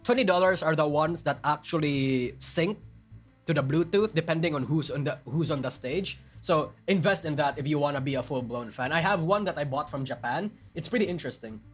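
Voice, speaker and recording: A man's voice: fairly high pitch, expressive, brisk, soft background music. A man with a Filipino accent chatting casually on a live stream, rambling and self-deprecating as he answers his chat. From Philippines.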